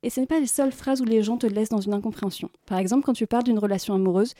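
A young woman reads out her comic radio column with a dry, mocking edge. Her voice sits fairly high but sounds dark and mellow. She lands each jab at an even clip. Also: very fast. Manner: sardonic, mocking asides. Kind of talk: scripted humorous chronicle.

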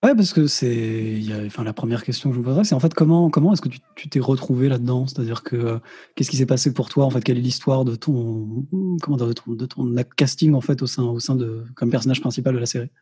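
A man's voice: mid-range voice, quick pace, mellow, husky. A man co-hosting an interview over a video call, asking rambling questions full of restarts. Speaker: co-host.

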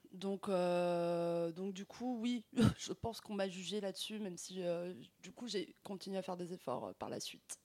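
A woman's voice: mid-range voice, darkish tone. A young woman, speaking as a panellist on a discussion show. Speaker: panellist and presenter. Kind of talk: casual chat and prepared explanatory segment.

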